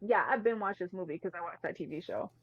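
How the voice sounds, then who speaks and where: A female podcast co-host reviews a movie in an emphatic, slangy, casual chat. Her voice is fairly low and fast, recorded on a dry, slightly muffled mic.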